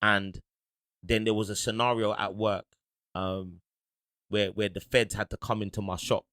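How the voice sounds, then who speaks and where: A man's voice: fairly low pitch, level tone, moderate pace, fairly bright tone, no room sound, clean studio sound. A man, telling a personal story in casual podcast chat. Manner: storytelling, acts out quoted voices. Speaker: podcast co-host.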